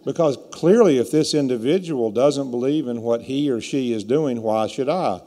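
A man in his fifties with a hoarse, rough voice gives a plain-spoken, emphatic motivational keynote speech into a stage microphone. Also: medium pitch, normal speed, mellow. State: hoarse from yelling all day. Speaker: keynote speaker, entrepreneur. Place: indoor brick-walled event venue, on stage. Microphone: stand microphone at lectern. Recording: echoey hall with long reverb.

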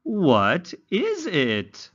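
In a muffled recording, an English teacher for young children guides a read-along lesson, pronouncing each word carefully with exaggerated, teaching-style intonation. His voice is high and fairly bright, swooping wildly in pitch, and he speaks very slowly.

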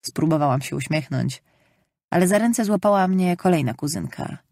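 A woman narrating a novel in the first person, calm and measured, in a studio. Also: low-pitched, vocal fry, dry recording. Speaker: audiobook narrator.

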